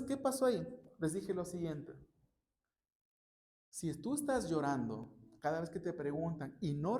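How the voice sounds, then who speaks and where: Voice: medium pitch, dark tone. A preacher speaks in a church in a mid-range voice, teaching in a conversational sermon style. The delivery keeps turning to the listeners with rhetorical check-in questions. Personal anecdotes from workshops are woven into the teaching.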